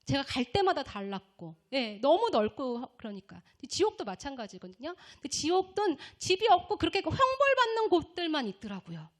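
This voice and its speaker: A woman's voice: sing-song, a little fast, hardly any pauses. A woman missionary preaching a revival sermon, emphatic, asking the congregation questions and answering them herself. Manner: acts out shouting voices in a high pitch.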